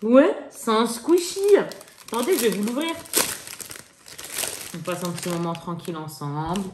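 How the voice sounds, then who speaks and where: At home, a young woman chats casually with her viewers while showing off her recent purchases, using slangy language and laughing a lot. Her mid-range voice has a sing-song lilt and moderate pace, heard in an echoey room with background noise.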